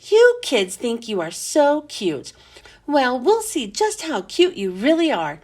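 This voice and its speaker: A woman's voice: high-pitched, wildly swooping pitch, slow, darkish tone, heavily acted. A woman reading a children's book aloud, voicing a snappish, unhinged female schoolteacher with a barking, scolding delivery. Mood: menacing. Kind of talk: storybook read-aloud.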